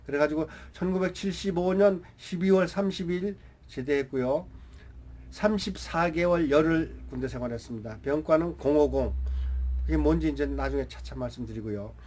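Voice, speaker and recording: Chatty Korean man in his seventies. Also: on the high side. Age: 70s. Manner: chatty, addresses viewers directly, rambling asides. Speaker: YouTube storyteller. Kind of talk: casual reminiscing monologue.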